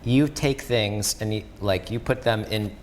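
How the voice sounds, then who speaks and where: A man's voice: fairly low pitch, unhurried, slight background noise. A man talking as a podcast guest. He reflects aloud, feeling his way through his thoughts. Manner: thoughtful, searching for words. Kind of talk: reflective conversation.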